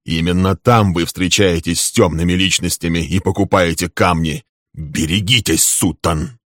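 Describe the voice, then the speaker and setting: A man voicing a hot-tempered young man who shouts accusations at a rival in a storybook reading. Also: low-pitched, steady tone, moderate pace, dry recording, studio quality, natural voice. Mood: venomous.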